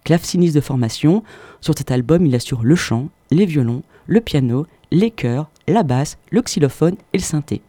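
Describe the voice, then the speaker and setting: A man's voice: fairly high pitch, animated, normal speed, warm tone, no echo. A man from southern France delivering a mock-serious, ironic radio comedy chronicle full of rambling asides, into a studio microphone. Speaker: radio columnist.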